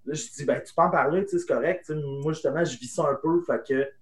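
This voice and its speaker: A young man with a Québécois French accent telling an animated anecdote in casual chat, dropping to hushed tones for the punchlines. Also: a little high, fast talker, echoey room. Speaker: improv guest. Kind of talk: casual storytelling.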